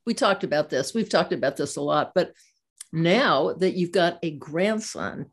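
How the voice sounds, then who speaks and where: An older woman interviews a guest in a low-pitched voice. She talks in a chatty, friendly way, with her own stories and personal questions. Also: expressive, measured pace, breathy edge. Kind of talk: conversational interview.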